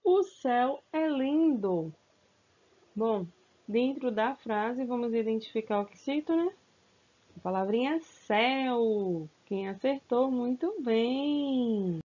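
Woman teacher, children's grammar lesson, slow and drawn-out, higher voice, slightly dull lo-fi sound. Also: animated. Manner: slow, stretched-out words, coaxing pupils with questions. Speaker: school teacher.

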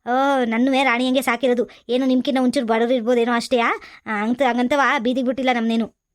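A woman's voice: on the high side, little pitch movement, fast, dry recording, clean studio sound, natural voice. Woman playing a sulky city daughter-in-law. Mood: complaining. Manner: complaining, talking back. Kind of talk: village comedy skit.

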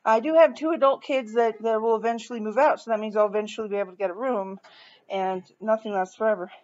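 A woman's voice: fairly high pitch, steady tone, quick pace, a little mellow, lo-fi sound. A woman in her forties talking candidly and rambling in a casual vlog, tired and a little out of breath from moving house. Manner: rambling, candid, self-deprecating. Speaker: vlogger. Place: house being moved out of.

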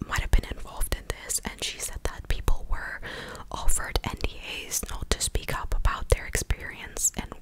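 Speaking at a moderate pace, a young ASMR creator gives a whispered recap from a small home room, her lips right up against a big desktop condenser microphone. The breathy, clicky whisper feels casual and hushed, though the audio is rough.

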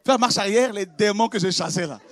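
A very high-pitched male pastor preaching with passion. He drops to a quiet, chatty confiding tone, then bursts into shouts and repeats his words. The sound is dry and close, with no room echo. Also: fairly quick. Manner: impassioned, swings from quiet confiding to shouted exclamations; conversational, with laughs and repetitions. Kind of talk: preaching a sermon.

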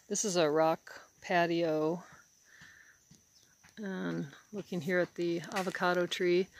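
A woman strolls through her garden filming on her phone from behind the camera, calmly pointing out the plants as she gives a tour. Her voice is fairly low, with crickets and outdoor ambience around her and a slight hiss or hum on the recording.

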